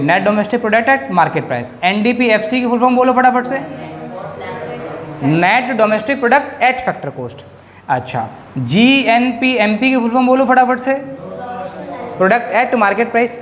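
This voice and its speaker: A male economics teacher giving a classroom-style lecture, drilling his students with quick questions. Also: extremely high pitch. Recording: echoey room.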